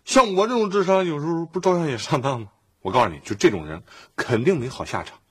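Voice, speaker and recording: A man's voice: fairly high pitch, animated, fast talker, breathy edge. A middle-aged actor playing a jokey, placating father in a family sitcom who chuckles as he soothes his wife. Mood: joking. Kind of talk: sitcom acting.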